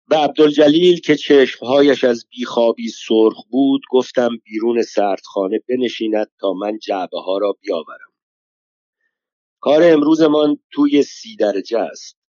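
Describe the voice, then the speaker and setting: Man reading a story, muffled mellow tone. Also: medium pitch, dry recording. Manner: measured storytelling, stops to gloss dialect words. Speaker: audiobook narrator. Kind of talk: scripted narration.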